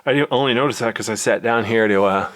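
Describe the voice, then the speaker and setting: A man's voice: mid-range voice, fast talker, a bit bright. A man giving casual, unscripted vlog narration as he explores inside a cave, recorded on an action camera. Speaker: cave explorer filming his trip. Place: inside a cave, lava tube. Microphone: action camera mic.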